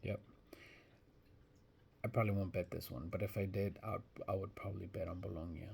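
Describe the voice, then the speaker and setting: A man's voice: low-pitched, fairly even intonation, a little fast, vocal fry, a little mellow. A man giving casual soccer betting predictions, thinking aloud and hesitant, often restarting his sentences. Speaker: sports betting vlogger.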